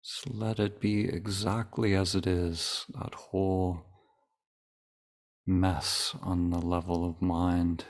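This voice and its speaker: This low-pitched man leads a guided meditation as its teacher. His delivery is calm and deliberate, built from short phrases and long silences.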